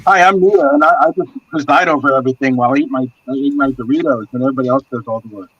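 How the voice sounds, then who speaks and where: Guy doing a lazy snacking lady boss, quick mocking voice. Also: medium pitch, a bit bright, breathy edge, highs cut off. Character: lazy woman bossing everyone while snacking.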